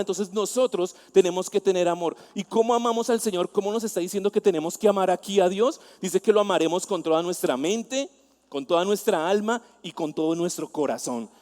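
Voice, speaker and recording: A man's voice: high voice, warm tone. A man with a Colombian accent preaching a sermon, asking the congregation questions and telling personal stories in a conversational way. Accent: Colombian Spanish, Bogotá. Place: church hall. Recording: long church-hall reverb.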